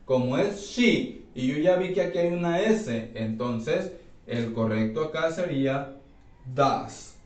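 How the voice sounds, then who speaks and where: A man teaching an English grammar class, explaining slowly and checking in with his students often. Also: fairly high pitch, animated, darkish tone. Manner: slow, repeats and checks with "¿sí?". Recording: echoey room, voice from far off.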